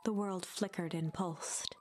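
A woman voicing a calm storybook narrator for a game, soft and at times whispery, with faint music behind. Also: lowish voice, a little slow, natural voice. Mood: hushed, calm.

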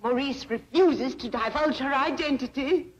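An actress playing a haughty, gushing middle-aged society matron in the grande dame manner of a 1960s sitcom. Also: female voice, sits high, normal speed, husky. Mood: haughty, thrilled. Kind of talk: 1960s television sitcom acting. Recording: dull, noisy old television soundtrack.

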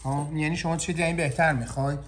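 A man's voice: a little high, steady tone, slight background noise. A man hosting a casual cooking vlog from a kitchen, joking and talking straight to his viewers through a clip-on mic. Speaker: chef. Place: indoor kitchen.

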